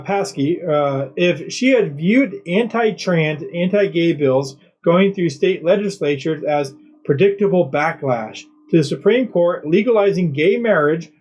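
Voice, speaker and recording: A man's voice: a little high, darkish tone, poor audio. A man hosting a commentary show, rambling and sarcastic, with many fillers and restarts. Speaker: host. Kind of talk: mocking political commentary.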